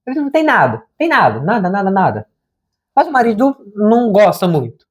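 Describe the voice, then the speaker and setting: A man's voice: high-pitched, wildly swooping pitch, fairly quick. A man talks straight to the camera about faith in a loose, chatty way. He leans on slang and keeps dropping "cara" as he goes. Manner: informal and conversational, slangy, says "cara" often. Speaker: therapist and channel host. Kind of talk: casual spiritual talk to camera.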